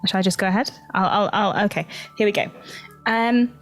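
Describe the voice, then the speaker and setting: A woman's voice: mid-range voice, a little fast, soft background music. A woman playing a tabletop role-playing game, talking in a giggly, rambling way with restarts. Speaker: player.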